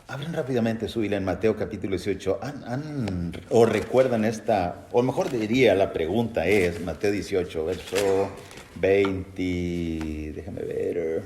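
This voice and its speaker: A man's voice: sits low, measured pace, darkish tone, slight background noise. A man teaching a Bible study lesson, asking the class questions and reading scripture aloud. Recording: echoey room.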